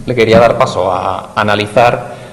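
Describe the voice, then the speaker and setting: A university lecturer from Spain, speaking with a Spanish accent, gives an academic conference talk, explaining and addressing the audience directly. His voice is on the low side and creaky, with fairly even intonation at normal speed. The lecture hall is reverberant, with faint noise.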